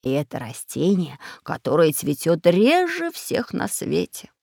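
A learned old professor with a low, unhurried voice, explaining things gravely and sometimes darkly, as a woman reads him. His voice is dry and close, as in a storybook reading. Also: huge pitch swings, a little mellow, no room sound, exaggerated voice. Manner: slow, measured and ominous. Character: elderly male professor and geographer, calm and learned.

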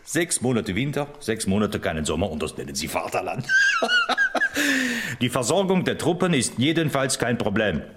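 An actor playing Napoleon, a megalomaniac French emperor, grandiose, imperious and mocking, in a radio drama. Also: male voice, medium pitch, sing-song, normal speed, heavy background noise, lightly acted.

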